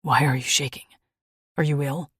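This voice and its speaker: A woman's voice: extremely low pitch, steady tone, moderate pace, fairly bright tone, breathy edge, no echo, clean studio sound, exaggerated voice. A woman voicing a stern, blunt male alien warrior who speaks in clipped, formal sentences. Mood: gruff, protective. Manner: clipped, formal speech without contractions.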